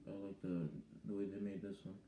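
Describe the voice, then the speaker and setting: A man's voice: low voice, level tone, fairly quick, mellow, reverberant, a little hiss or hum. A teenage boy vlogging casually to camera from his bedroom, rambling and hesitant with lots of ums. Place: small bedroom indoors. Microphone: webcam or phone at arm's length.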